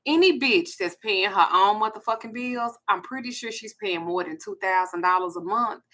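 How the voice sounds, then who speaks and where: Woman, forties, blunt, profane, emphatic rant, sharp bright tone. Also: medium pitch, moderate pace. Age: 40s. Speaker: host. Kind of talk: ranting monologue.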